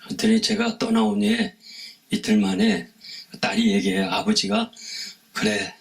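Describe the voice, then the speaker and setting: A male pastor preaching at a seminar for pastors, telling animated stories and acting out what people said, often calling out to the audience for a response. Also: high-pitched, normal speed, creaky. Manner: animated storytelling, acting out quoted dialogue.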